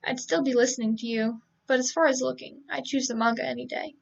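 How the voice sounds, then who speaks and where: A woman reading the lines of a cold, sharp-tongued teenage boy from a novel, in a curt, insulting manner. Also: high voice, fast talker, gravelly, distant mic, dull audio. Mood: cold, scornful. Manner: curt, insulting, flat delivery.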